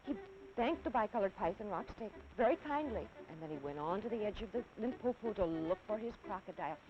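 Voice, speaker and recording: Animated woman telling a children's story. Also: mid-range voice, quick pace. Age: 30s. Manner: animated, dramatic, rhythmic. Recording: dull lo-fi 1950s TV kinescope.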